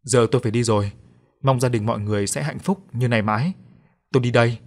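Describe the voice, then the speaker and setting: A man voicing a calm, commanding male exorcist master who chants incantations firmly in a storybook reading. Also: medium pitch, quick pace, natural voice.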